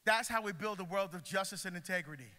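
A middle-aged man from Barbados, a deacon, preaching with animated, emphatic energy to a school audience. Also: sits high, fast talker. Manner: animated, emphatic, moves around the stage. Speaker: deacon speaker. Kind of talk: passionate preaching talk. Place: large school pavilion, indoors. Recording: long hall reverb.

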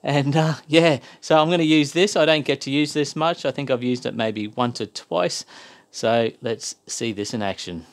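A man's voice: mid-range voice, steady tone, normal speed, few pauses. An Australian man chatting casually as he works on a home renovation project, rambling and making fun of himself. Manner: chatty, self-mocking, rambling with fillers. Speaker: DIY home renovation vlogger. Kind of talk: casual DIY vlog. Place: indoors in a house under renovation.

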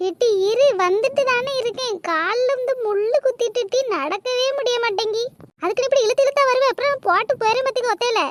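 A woman's voice: very high-pitched, moderate pace, few pauses. A woman doing a whining, limping village thief. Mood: whiny. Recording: noisy cartoon voice track.

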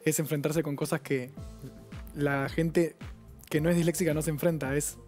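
A man's voice: on the high side, steady tone, darkish tone, faint music behind. A man in his twenties with a Rioplatense Spanish accent, earnestly telling his own story as a guest on a TV talk show. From Argentina. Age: 20s. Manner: earnest, rapid, reflective. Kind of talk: personal account on a TV talk show.

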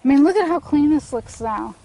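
A woman's voice: sits high, expressive, a little fast, mellow. Chatty woman with a congested throat. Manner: chatty, thinks aloud with many fillers and restarts. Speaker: homestead gardening vlogger. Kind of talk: casual garden walkthrough. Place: outdoors in a sunny garden. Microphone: handheld camera at arm's length.

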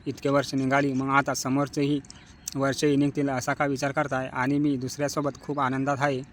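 A man's voice: medium pitch, a bit bright, a little hiss or hum, close to an everyday voice. A man voicing a devoted young wife who pleads insistently with her husband.

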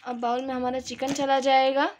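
High-voiced woman doing a home cooking vlog, listing ingredients one by one, phone mic in the kitchen, bit of frying hiss behind. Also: level tone, normal speed, low-quality recording. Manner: chatty, lists ingredients step by step. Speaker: cooking channel host. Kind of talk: casual cooking video narration.

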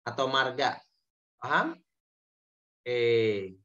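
A man's voice: medium pitch, animated, extremely slow, bright, forceful tone. A man teaching an online science lesson, patiently repeating key terms and quizzing his students. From Indonesia. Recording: dull lo-fi online audio.

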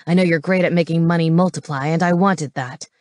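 A man's voice: on the high side, steady tone, fairly quick, dry recording, clean studio sound, lightly acted. A woman voicing a cold, scornful older male werewolf villain in an audiobook. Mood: scheming. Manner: sneering, cold. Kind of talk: audiobook character voice.

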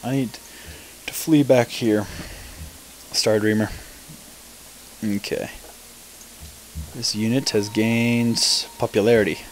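A man's voice: fairly low pitch, steady tone, slow, pauses often, a little hiss or hum, poor audio. Man mumbling through game commentary. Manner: casual, mumbling, thinking aloud with mild swearing. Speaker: let's play gamer. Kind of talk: gameplay commentary.

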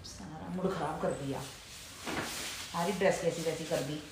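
A middle-aged woman at a hair salon, loudly scolding the barber and calling him names. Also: deep voice, steady tone, normal speed, noisy background. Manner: loud, scolding, calls people names. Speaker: salon customer in a prank video. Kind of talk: scolding, angry complaining. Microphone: far camera. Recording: echoey room from far off.

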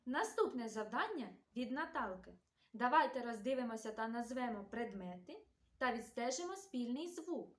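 A woman teaching a young children's literacy lesson, sounding out words slowly and clearly with a Ukrainian accent. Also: a little high, animated, roomy sound. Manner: slow, carefully enunciated, sounding out words. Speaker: preschool teacher.

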